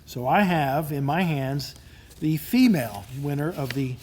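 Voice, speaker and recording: A man presenting at an awards lunch reads each citation in a measured, formal way, with his voice sitting a touch high. Now and then he pauses to find his words. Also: darkish tone, slight background noise. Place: event hall at a lunch.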